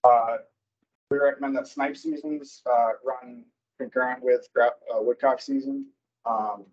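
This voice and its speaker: A man presenting wildlife season recommendations at a public board meeting, speaking haltingly with many fillers and self-corrections over a video call. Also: mid-range voice, steady tone. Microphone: computer mic on a video call. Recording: dull lo-fi video call audio.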